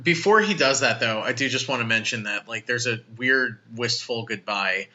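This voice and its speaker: A man's voice: mid-range voice, normal speed, pushed and bright, dull audio. A man co-hosting a podcast, joking and talking over the others in casual chat. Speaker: podcast co-host.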